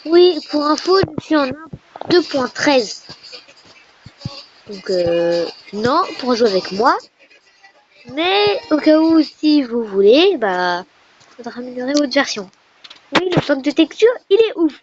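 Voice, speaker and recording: A woman giving casual, chatty and playful commentary while playing a game, with sudden excited squeals. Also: high-pitched, slow pace, pauses often. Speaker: gamer. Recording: dull lo-fi recording with faint noise.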